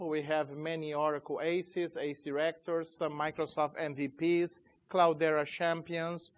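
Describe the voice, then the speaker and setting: Speaking at a tech conference in a conference room, a Chilean-born CEO in his 40s, raised in Brazil and a native Portuguese speaker, presents informally. His voice is a little high, and his delivery is halting, with grammar on the loose side.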